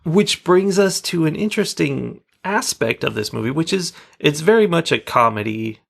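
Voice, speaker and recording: A man's voice: fairly high pitch, expressive, moderate pace, vocal fry. A man co-hosting a podcast, chatting casually and laughing easily while reviewing movies. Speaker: podcast co-host.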